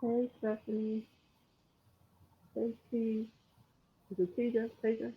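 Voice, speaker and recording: A woman chatting casually as a guest on a live online show, her voice coming through muffled and quiet, with mostly the low end audible. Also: completely flat delivery, slow, slight background noise. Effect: muffled, quiet audio with the bass only. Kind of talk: casual chat. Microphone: remote video call connection. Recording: muffled lo-fi video call audio.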